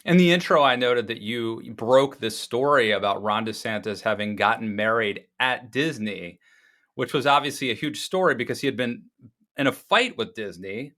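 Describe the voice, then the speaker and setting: A man's voice: medium pitch, expressive, moderate pace, pushed and bright. A man from Maryland hosting a podcast interview, asking questions conversationally and stumbling a little as he frames them. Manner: conversational, stammers while forming questions. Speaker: podcast host.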